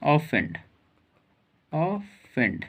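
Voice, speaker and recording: A man's voice: a little high, wildly swooping pitch, a bit bright. A man teaching English pronunciation, spelling out letters and repeating each word. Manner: spells out letters slowly, repeats words and adds "ठीक है".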